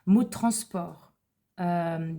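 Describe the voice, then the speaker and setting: A woman's voice: on the low side, drawn-out words, dark tone. A woman who works as a wellness advisor, casually explaining essential oil products for children to the camera in a chatty way, often correcting herself as she goes.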